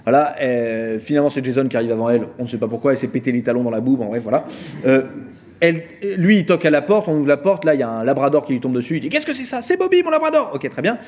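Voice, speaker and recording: A man giving an informal philosophy lecture, retelling a film plot with mocking, animated storytelling. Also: mid-range voice, rapid-fire, lo-fi sound.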